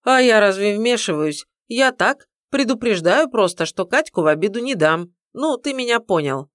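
A woman's voice: medium pitch, animated, normal speed, no room sound, studio quality, voice pushed up, lightly acted. A woman reading an audiobook, voicing a pushy, meddling middle-aged mother who needles and insists. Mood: needling.

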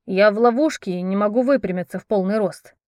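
A calm young prince, read by a woman in an audiobook. He speaks firmly and steadily, giving orders in a mellow, dry-sounding voice. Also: medium pitch, fairly quick, no room sound, lightly acted. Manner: firm, calming, instructing. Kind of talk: audiobook character voicing.

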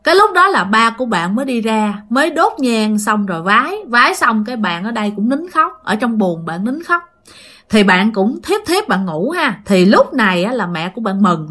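A ghost-story channel narrator with a Southern Vietnamese accent tells her tales casually, speaking directly to listeners and using lots of fillers. Her voice is fairly high and sharp, swinging widely in pitch, at a normal speed.

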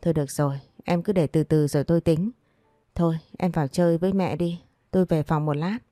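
Here is a woman reading a stern young master from an old storybook tale, a cool male doctor who gives short orders and brushes people off. The voice sits low and dark, and it comes across dry and close. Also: fairly even intonation, fairly quick, no echo, soft background music, lightly acted. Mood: cold. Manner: curt and commanding.

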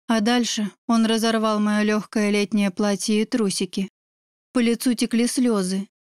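Smooth-voiced woman narrating an audiobook. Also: fairly high pitch, darkish tone, no echo, clean studio sound. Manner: emotive, dramatic reading. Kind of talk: first-person audiobook narration.

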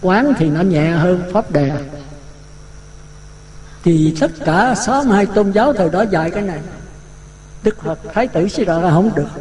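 A man's voice: sits high, animated, normal speed, long pauses, a little mellow, slight background noise. A man giving a Buddhist dharma talk, vivid and full of rhetorical questions. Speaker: Buddhist monk teaching. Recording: echoey hall.

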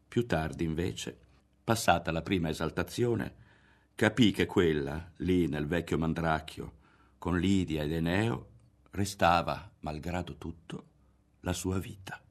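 A man narrating a literary audiobook in a measured, expressive way. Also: low voice. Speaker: audiobook reader.

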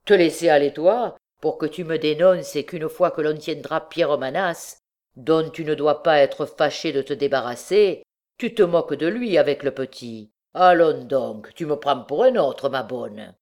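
Mocking bandit husband, gruff and sly, played by a woman reader. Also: low voice, measured pace, a little mellow. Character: coarse scheming male bandit husband.

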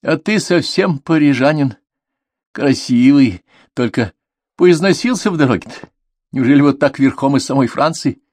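A man's voice: medium pitch, moderate pace, darkish tone, no room sound, clean studio sound, voice pushed up, natural voice. A man voicing a tearful, affectionate older sister, raising his voice and speaking in a lilting, heartfelt, homely way. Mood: tender.

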